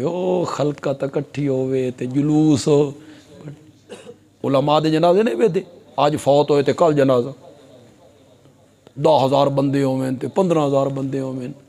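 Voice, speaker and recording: Man, sermon, slow-paced, rhetorical questions, loud climbing exhortations. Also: creaky. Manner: swings from low asides to loud rising exhortation, rhetorical questions. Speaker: Islamic scholar preaching. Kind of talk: fiery Punjabi sermon. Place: conference gathering.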